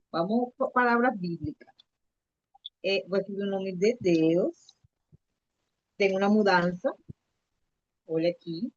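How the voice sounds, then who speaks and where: A woman's voice: mid-range voice, dry recording, muffled recording. A woman teaching a live online Spanish lesson to children, patiently repeating letters and coaxing the kids to answer.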